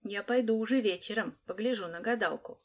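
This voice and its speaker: A woman's voice: mid-range voice, brisk, pitched above the performer's own voice, natural voice. A woman voicing a decisive, self-important little girl who takes charge of her friends in an audiobook.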